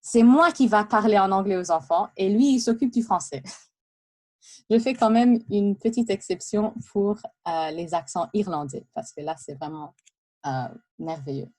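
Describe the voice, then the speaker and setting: A woman giving a prepared talk, lively and chatty, with many asides and hesitations. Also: mid-range voice, measured pace. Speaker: speaker giving a practice talk. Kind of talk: prepared speech for interpreting practice.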